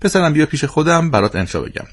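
A man's voice: on the high side, big pitch swings, voice pushed up. A man reading the part of a scolding mother in a radio story.

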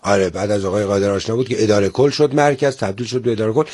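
A man's voice: lowish voice, steady tone, darkish tone. A man speaking as a guest on a studio interview, polite and formal, who often restarts his phrases. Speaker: guest, theater organizer.

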